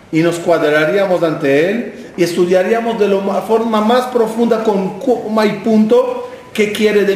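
A man's voice: high voice, darkish tone, slight background noise. A man giving a Torah class, telling stories with acted dialogue and asking the listeners questions. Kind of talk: sermon. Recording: very echoey room.

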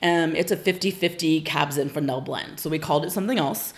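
A woman's voice: deep voice, brisk. A woman from Northern California, a winery guest on a casual podcast, explaining things patiently and informatively with frequent ums.

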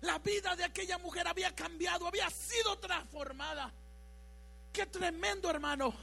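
Fervent high-voiced woman preacher. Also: moderate pace, creaky. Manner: fervent, swells to shouting. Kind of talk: sermon.

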